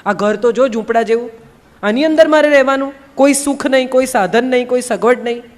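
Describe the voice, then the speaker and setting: A woman's voice: a little high, fairly quick, lightly acted. A tearful young bride, plaintive and pleading, told by a woman speaker, in a hall with long reverb.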